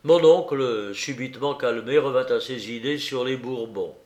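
A man narrating a literary story aloud in a measured, expressive reading. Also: medium pitch, reverberant. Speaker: audiobook narrator.

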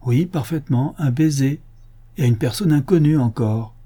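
A man's voice: on the high side, normal speed, warm tone, husky. A man reading a short story aloud as narrator, with a wry storytelling manner. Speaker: audiobook reader. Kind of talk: scripted narration.

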